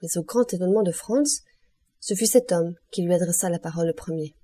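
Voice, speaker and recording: A woman reading a classic novel aloud as an audiobook narrator, in a measured, even way. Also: fairly low pitch. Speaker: audiobook reader.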